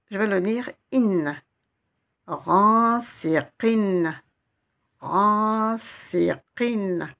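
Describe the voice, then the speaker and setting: An Arabic teacher with a lowish, gravelly voice leads a slow guided reading lesson. She spells out letters and syllables one at a time and repeats each sound.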